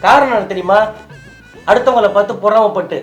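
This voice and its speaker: A man's voice: sits high, fairly quick, faint music behind. A man who is crying as he pleads with his wife and tries to reassure her. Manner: tearful, pleading and consoling. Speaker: husband in a staged prank video. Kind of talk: emotional scripted couple conversation.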